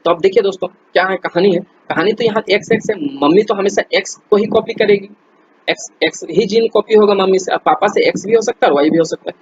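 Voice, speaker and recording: A man walks through quiz questions like a friendly tutor, chatty and loose, stopping often to restart his sentences. His voice sits a little high and sounds husky. The recording is dull and lo-fi. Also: fast talker, dry recording. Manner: chatty, many fillers and restarts, addresses viewers as friends. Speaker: teacher. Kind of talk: casual explainer lesson.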